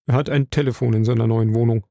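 A man voicing a stout, composed office manager in an audiobook, measured and confiding. His voice is dark and a little gravelly, recorded close and dry. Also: mid-range voice, fairly even intonation, dry recording, natural voice. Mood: calm. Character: calm, stout middle-aged office manager.

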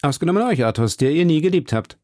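A man voicing an impetuous young swordsman in an audiobook, speaking urgently and a little higher than his narration. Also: animated, fast talker, a little mellow, no echo, clean studio sound, lightly acted. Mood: earnest. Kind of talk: audiobook character voice.

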